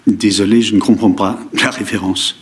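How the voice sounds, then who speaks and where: A man voicing a calm, formal male doctor with a heavy foreign accent in a dubbed series scene. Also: on the low side, normal speed, close to an everyday voice. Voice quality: stiff, polite, formal.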